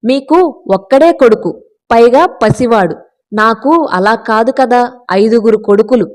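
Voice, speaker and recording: A woman reading a calm, reassuring queen mother. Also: a little high, unhurried, close to an everyday voice. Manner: soothing, reassuring. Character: calm, kind royal mother of five sons.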